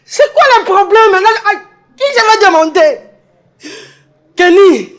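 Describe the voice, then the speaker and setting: A middle-aged woman with a Congolese French accent playing a grieving mother who calls on God and draws out her cries. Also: extremely high pitch. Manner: drawn-out, wailing calls of a name.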